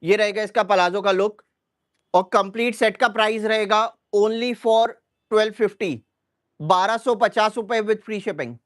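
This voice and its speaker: A man hosting a live shopping sale, briskly listing sizes and prices over and over. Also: sits high, a bit bright. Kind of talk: live sales pitch.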